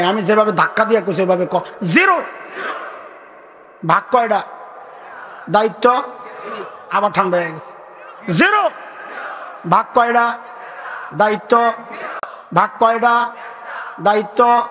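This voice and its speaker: A man's voice: high voice, bright, forceful tone, long reverb tail, slight background noise. A man preaching a waz sermon, quizzing the crowd call-and-response style and acting out little scenes in different voices.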